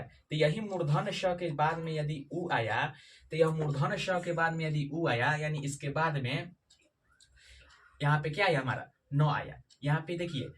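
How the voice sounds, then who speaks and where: Man teaching in a higher voice. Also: distant mic, a little hiss or hum. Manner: repeats points and asks the class questions; slows down to spell out sounds. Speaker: Sanskrit teacher. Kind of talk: classroom-style grammar lesson.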